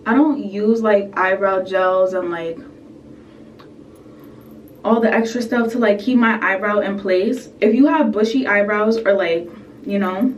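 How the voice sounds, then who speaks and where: A woman's voice: medium pitch, distant mic, dull audio, a little hiss or hum. Young female beauty vlogger, loose filler-heavy chat, slightly under the weather, recorded from across a reverberant room. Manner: chatty, filler-heavy, frequent "like" and asides. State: a bit sick. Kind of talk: casual makeup tutorial chat. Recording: roomy echo, set back from the mic.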